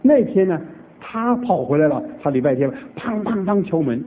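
A man preaching, telling a family conversion story with lively acted-out dialogue. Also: high voice, normal speed. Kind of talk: sermon testimony storytelling. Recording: tinny phone-like old recording.

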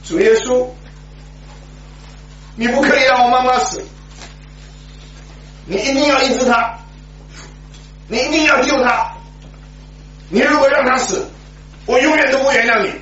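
A man voicing a crippled nine-year-old boy who pleads and wails in a high, loud, insistent voice, heard in an echoey, distant, dull recording. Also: measured pace, pauses often, slight background noise, exaggerated voice. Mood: pleading.

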